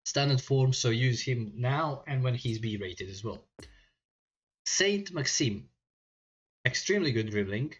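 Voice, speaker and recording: A man reviews game players in a casual, halting way, leaning on filler sounds as he works through lists of stats. His voice sits at an ordinary middle pitch. The recording is slightly dull and lo-fi. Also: expressive, slightly rough.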